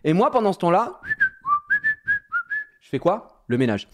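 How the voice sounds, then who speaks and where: A man telling a story casually to his viewers, in an animated, slangy way, often laughing at himself. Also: high-pitched, measured pace. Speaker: streamer.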